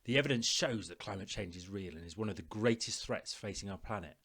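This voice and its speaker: A man presenting a recorded classroom lesson, giving clear step-by-step instructions to pupils. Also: lowish voice, fast talker, a bit bright. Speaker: teacher.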